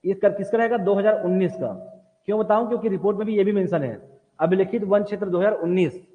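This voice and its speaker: A man with a high-pitched voice leads an exam coaching class, firing short repeated questions and answering them himself. He keeps telling the students what to write down. The sound is thin and phone-like, with a long hall reverb. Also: fast. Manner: repetitive question-and-answer drilling; directs students to write notes. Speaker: teacher.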